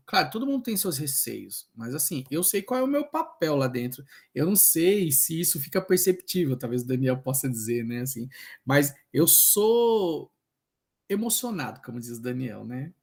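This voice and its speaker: A man with a Brazilian accent, a social worker at a health unit, telling work anecdotes at an open class and acting out the voices he quotes. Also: on the high side. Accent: Brazilian Portuguese. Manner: animated storytelling, acts out quoted voices.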